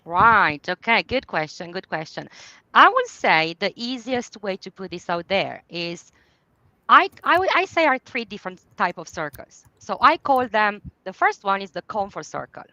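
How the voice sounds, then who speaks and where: Romanian-accented woman in her 30s, coach guest; bright, dry sound. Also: medium pitch, very animated, normal speed, no room sound, muffled recording. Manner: warm, laughs often, non-native phrasing. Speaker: guest, business clarity coach. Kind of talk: podcast interview.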